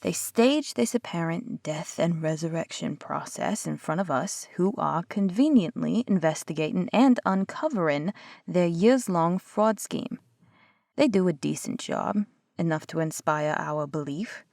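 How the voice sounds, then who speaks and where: In a dry, clean studio recording, a young woman speaks a little slowly in a fairly low, expressive voice with vocal fry and a darkish tone. She performs a one-sided roleplay as a skeptical investigator, arguing sarcastically, swearing casually and now and then whispering.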